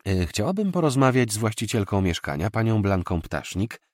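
A man's voice: fairly low pitch, sing-song, normal speed, a little mellow, no echo, studio quality, pitched above the performer's own voice. A man voicing a timid, polite young woman who speaks hesitantly.

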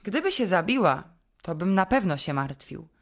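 Woman doing an earnest little boy. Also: sing-song. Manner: higher, quick, childish tone. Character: eight-year-old boy, tearful and earnest.

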